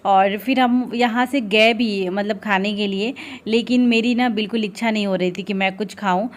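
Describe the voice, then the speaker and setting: A young woman with an Indian accent narrating her daily vlog in a casual, soft-spoken and tired way, with frequent fillers. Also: medium pitch, fairly even intonation, normal speed. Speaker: vlogger.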